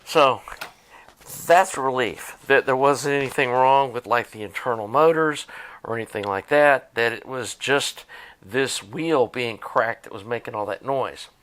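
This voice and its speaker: A hobbyist talks through a tape deck repair while working, giving a casual, unscripted, plainspoken narration as he thinks aloud. His medium-pitched voice has a fairly bright tone and a measured pace.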